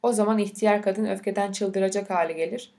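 A woman narrating an audiobook of a novel, with a measured, unhurried reading. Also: medium pitch, fairly even intonation, mellow.

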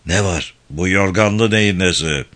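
A man voicing a gruff, bullying young student. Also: low voice, a little slow, a bit bright, voice pushed down. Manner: gruff, barking and scolding. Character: bullying young male senior student, coarse and threatening. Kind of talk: audiobook character voice.

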